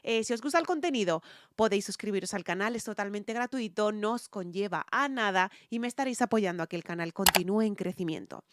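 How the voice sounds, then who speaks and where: A woman's voice: medium pitch, a little fast, no room sound, clean studio sound. A woman from Spain with a Spanish accent, a singer chatting casually as she analyzes another singer's voice, explaining at length with frequent "eh" fillers. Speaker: singer reacting to music videos. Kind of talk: casual reaction and vocal analysis.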